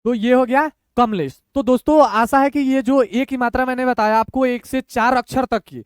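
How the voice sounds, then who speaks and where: A man teaching Hindi reading in an online lesson, patiently breaking words into syllables and repeating them slowly. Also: very high voice, steady tone, clear, resonant tone, no echo, clean studio sound.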